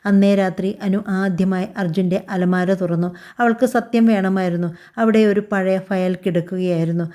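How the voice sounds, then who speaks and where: A woman narrating a scripted family drama story in a calm, even storytelling voice. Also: mid-range voice, normal speed. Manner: calm, even storytelling voice that also reads all the characters' lines.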